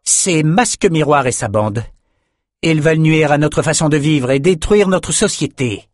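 A man's voice: fairly high pitch, lively intonation, measured pace, no echo, studio quality, voice pushed up. A man putting on a venomous haughty noblewoman. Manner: spiteful, accusing.

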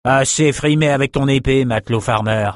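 A commanding woman captain of a ship, brisk and stern as she barks orders to her crew, as a man reads her. The storybook voice sits slightly raised and dry, close to the mic. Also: medium pitch, no echo, voice pushed up, lightly acted.

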